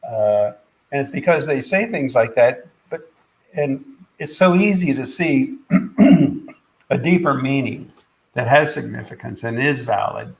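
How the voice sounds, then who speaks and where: A man hosting a podcast, speaking in a halting, casual way about spiritual ideas, with many fillers and restarts. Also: mid-range voice, animated, vocal fry, poor audio. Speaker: podcast host and spiritual teacher.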